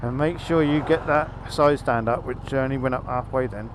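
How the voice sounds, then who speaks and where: A man's voice: mid-range voice, moderate pace. A man talking casually through a helmet mic while test-riding a motorbike, thinking aloud as he goes. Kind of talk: casual ride commentary. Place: on a motorbike outdoors on the road. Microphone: helmet-mounted mic while riding. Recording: wind and engine noise, helmet mic.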